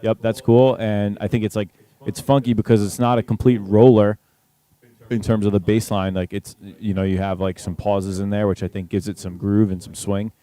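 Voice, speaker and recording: A man's voice: on the low side, level tone, normal speed, mellow. A young man co-hosting a podcast in casual chat, laid-back and peppering his talk with "like" and "dude". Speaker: podcast co-host.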